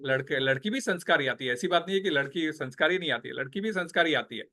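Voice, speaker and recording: A man's voice: a little high, expressive, fast talker, pushed and bright. A man giving a devotional class and telling a temple story in a conversational way, mixing in English phrases and asking his listeners questions. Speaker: devotional speaker.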